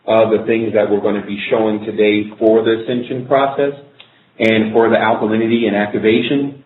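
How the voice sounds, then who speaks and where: A low-voiced man hosts a live internet radio show from an office in a corporate building. He rambles loosely as he works through technical hitches. The sound is tinny like a phone line and echoes around the room. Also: level tone, a little fast. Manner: loose, rambling, fixes technical issues on air.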